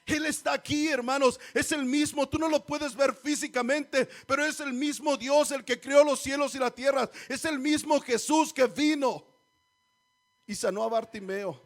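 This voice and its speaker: A man's voice: extremely high pitch, moderate pace. A man preaching a sermon in church, exhorting the congregation, often calling them brothers and asking them rhetorical questions. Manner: exhorting, often calls listeners "hermanos", asks rhetorical questions.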